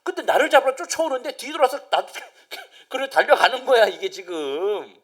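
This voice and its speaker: Male pastor, sermon, high and very lively pitch, acts out crowd voices, swings loud to hushed. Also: moderate pace. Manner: animated, acts out crowd voices, drops to near-whisper. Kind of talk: Wednesday service sermon.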